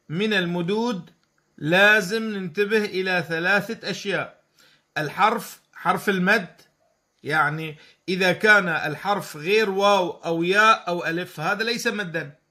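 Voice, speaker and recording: Bright high-voiced man teaching tajweed. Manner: slow, patient, repeats letters and drawn-out example syllables. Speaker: Quran recitation teacher. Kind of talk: spoken tajweed lesson.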